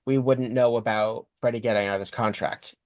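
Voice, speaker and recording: A man's voice: medium pitch, steady tone, fairly quick, no room sound. Brief: male co-host, analytical wry recap talk, dry close-mic sound. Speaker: podcast co-host. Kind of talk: casual episode recap chat.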